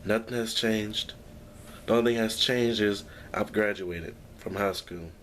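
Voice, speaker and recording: Young guy ranting to his camera at home, low voice, rambly and down, bit of hum. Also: fairly even intonation, a little slow, fairly bright tone. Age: young adult. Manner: rambling, downbeat, with frequent restarts and sighs. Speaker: vlogger. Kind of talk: personal rant vlog. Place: at home, indoors.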